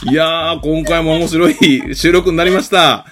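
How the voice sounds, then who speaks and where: A man's voice: a little high, steady tone, over loud music. A male podcast host from the Kansai region of Japan, chatty and effusive in a friendly interview. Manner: chatty and effusive, quick reactions.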